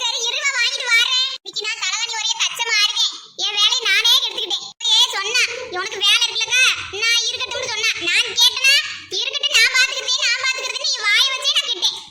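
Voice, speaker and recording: A woman's voice: very high voice, roomy sound, far from the mic, heavily acted. A woman voicing a fussy middle-aged village aunt in a cartoon, scolding and exasperated. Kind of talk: cartoon voice acting. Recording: loud background noise.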